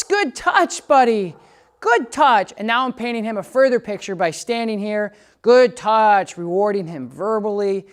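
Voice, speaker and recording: A man working as a dog trainer, casually explaining his method to viewers and breaking into high, upbeat praise and commands for the dog. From United States. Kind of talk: instructional training demo. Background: background music.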